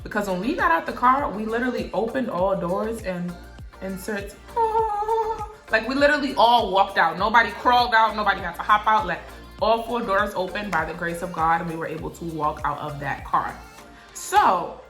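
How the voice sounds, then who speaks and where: Young woman vlogger, animated and profane storyteller, echoey room with light music behind. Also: medium pitch, brisk. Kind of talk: storytime vlog.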